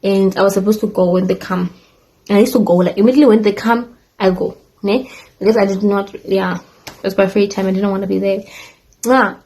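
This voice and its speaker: A woman's voice: medium pitch, fairly even intonation, fairly quick, dark tone, low-quality recording. Chatty young woman telling a rambling story. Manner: chatty, rambling with many restarts and asides to viewers. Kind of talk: casual storytime chat.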